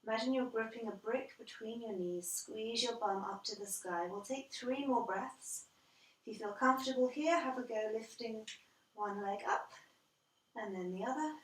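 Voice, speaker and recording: A woman guiding a yoga class as instructor, calm and measured, step by step. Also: fairly high pitch. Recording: roomy echo, distant from the mic.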